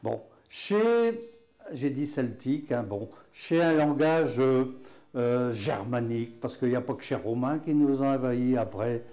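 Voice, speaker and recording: A man's voice: medium pitch, expressive, unhurried, dark tone. A man with a Picard accent teaching patois words in a folksy, chatty way, full of fillers and chuckles. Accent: Picard (Hainaut). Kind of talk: casual spoken lesson.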